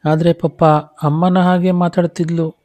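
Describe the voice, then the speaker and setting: A man's voice: little pitch movement, unhurried, mellow, close to an everyday voice. A man doing a scared little village boy. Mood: pleading. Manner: pleading, near tears, high and urgent.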